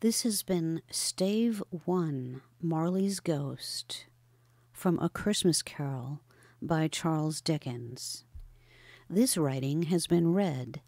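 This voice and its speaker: A woman reading a classic novel aloud as an audiobook narrator, hushed and often dropping into whispers. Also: low-pitched, expressive, slow, no echo. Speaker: audiobook reader.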